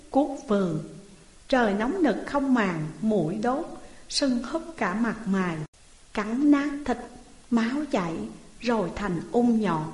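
A woman's voice: on the high side, darkish tone. A pitiful, mistreated orphan boy of thirteen in a spoken folk tale, voiced by a woman reader. He pleads in a tearful voice. The sound carries a long, roomy reverb.

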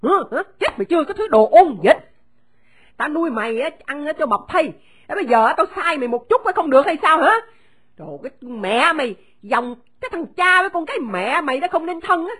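A woman narrator voicing a furious middle-aged woman who screams abuse at a boy in rapid bursts in a storybook reading. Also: high-pitched, sing-song, a bit bright, voice pushed up. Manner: screaming, rapid abusive scolding. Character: shrill angry woman scolding a boy.

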